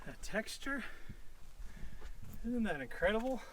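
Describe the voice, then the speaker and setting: A laid-back man narrates his afternoon hike in a casual vlog style, drawling slowly and musing aloud with plenty of fillers. His voice sits slightly high, picked up outdoors by a camera mic with a faint hiss behind him. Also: sing-song. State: out of breath at times. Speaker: outdoor adventure vlogger. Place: outdoors in a desert canyon.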